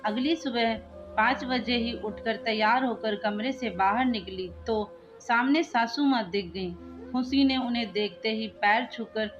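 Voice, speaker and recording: A woman's voice: fairly high pitch, a little slow. A woman narrating a scripted family story and reading the characters' lines in her own voice. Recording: dull lo-fi sound with soft background music.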